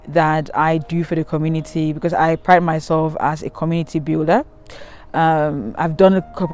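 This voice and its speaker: Her voice sits low and sounds a little mellow as this young Cameroonian vlogger rambles candidly through a casual storytime, often saying um and restarting. She is outdoors by a river, filming herself on a handheld camera at arm's length for her channel.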